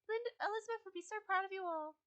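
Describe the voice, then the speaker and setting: Woman doing ancient cosmic blue spirit, solemn, measured, high bright voice.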